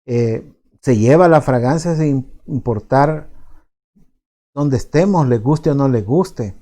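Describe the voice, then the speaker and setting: A male pastor with a Salvadoran accent preaches in a loose, conversational way. He keeps checking in with tag questions and repeats words as he searches for them. His voice is mellow and of middle pitch. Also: animated, slow. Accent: Salvadoran Spanish. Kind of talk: sermon.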